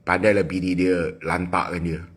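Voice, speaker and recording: A middle-aged man with a Malaysian accent, chatting casually with viewers on a phone livestream, teasing and quick with asides. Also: deep voice, flat delivery, slightly rough. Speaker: livestream host. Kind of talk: casual live chat with viewers.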